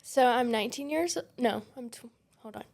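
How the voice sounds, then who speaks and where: A woman's voice: a little high, moderate pace, a little mellow. A woman, chatting as a podcast guest in a bubbly, giggly way with lots of fillers. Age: 20s. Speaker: guest, spray tan business owner. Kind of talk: casual interview chat.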